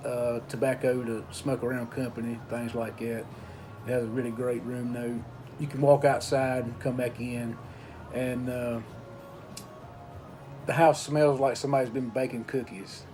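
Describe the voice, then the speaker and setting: A man giving a casual review in an unhurried, folksy way, pausing between short phrases. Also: mid-range voice. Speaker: pipe tobacco reviewer. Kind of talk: casual product review talk.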